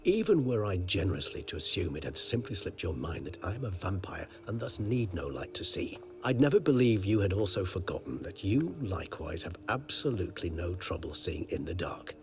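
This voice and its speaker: An erudite, sardonic vampire. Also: male voice, low voice, sing-song, fairly quick, hardly any pauses. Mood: genteel. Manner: dry, ornate, lightly sarcastic. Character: refined ancient male vampire, wry and erudite. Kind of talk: video game dialogue. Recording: game audio with music underneath.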